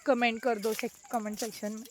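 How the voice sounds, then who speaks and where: A woman's voice: fairly high pitch, level tone, moderate pace, noisy background. A young woman with a Marathi accent, vlogging outdoors on a mango farm, teasing playfully and mixing Hindi and English. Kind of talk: casual vlog chat.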